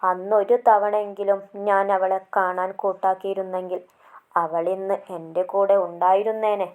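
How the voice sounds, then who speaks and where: A woman's voice: medium pitch, flat delivery, moderate pace, a little mellow, lightly acted. A woman reading a story aloud, voicing a heartbroken young man who weeps and laments his lost love. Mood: grieving. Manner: tearful, lamenting.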